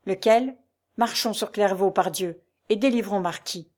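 A woman's voice: mid-range voice, darkish tone, close to an everyday voice. A woman reading the part of an old army colonel, blunt and emphatic, in a storybook reading. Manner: brisk, emphatic exclamations.

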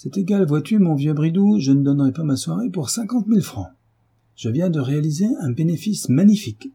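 A male audiobook reader voicing a brooding middle-aged husband who speaks with icy calm and sardonic bite. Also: medium pitch, unhurried, slightly rough. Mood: sardonic gloating.

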